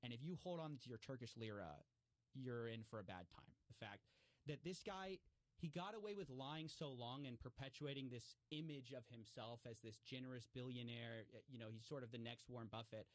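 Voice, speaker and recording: This man, a guest commentator on fraud stories, talks at a moderate pace and mid pitch, loosely and casually, sprinkling in "like," "you know," fillers and restarts. Quoting others brings him to life as he performs their words in a higher voice. The audio sounds close and dry, without echo.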